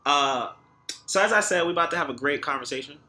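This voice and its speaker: A man hosting a podcast in an informal, conversational way, often pausing and adding little tags as he talks. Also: on the high side, lively intonation, bright, forceful tone. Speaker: podcast host. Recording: faint background noise.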